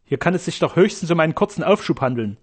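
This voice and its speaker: A man's voice: a little high, lively intonation, quick pace, slightly rough. A man reading an audiobook voices a scornful young nobleman who speaks in a sneering, mocking way.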